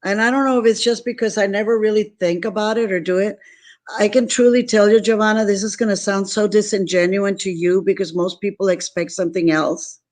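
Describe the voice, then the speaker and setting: A woman from San Antonio, Texas, whose first language was Spanish, gives a motivational interview as a guest, speaking emphatically, earnestly, and repetitively. Her medium-pitched voice is steady and darkish, delivered a little fast.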